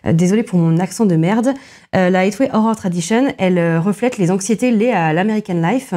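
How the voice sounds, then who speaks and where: A woman in a film podcast, analysing a horror movie in casual chat, with frequent filler pauses and restarts. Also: medium pitch, dark tone. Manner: many filler pauses, restarts, self-deprecating asides.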